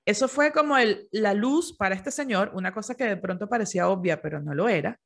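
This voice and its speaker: A man working as a psychologist, explaining cases from his practice in a relaxed conversation. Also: sits high, brisk, creaky. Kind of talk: casual conversation.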